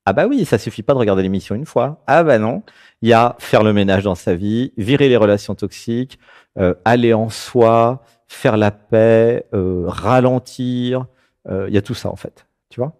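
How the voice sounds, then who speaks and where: A man's voice: on the low side, fast. A man hosting a spiritual talk show and guiding a caller, checking in often as he speaks. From France. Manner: animated, keeps checking in with "tu vois".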